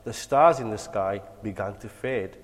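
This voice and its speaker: A man telling religious bedtime stories to children like a kids' show host, animated and encouraging. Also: lowish voice, unhurried. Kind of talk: dramatic bedtime religious storytelling. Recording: long hall-like reverb.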